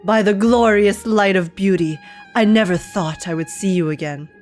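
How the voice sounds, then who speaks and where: A woman's voice: mid-range voice, normal speed, a little mellow, lightly acted. Girl doing a dramatic gallant knight guy from a game, super flowery and courtly, faint music behind. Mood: rapturous. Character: gallant, florid male knight devoted to beauty. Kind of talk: reading game dialogue aloud in character.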